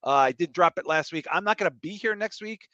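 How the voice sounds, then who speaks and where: Crude humor and energetic show plugs mark this man's casual comedy podcast. As host, he speaks at a quick pace in a high-pitched, bright, forceful voice. The recording is dry, and the stream audio sounds muffled and slightly lo-fi.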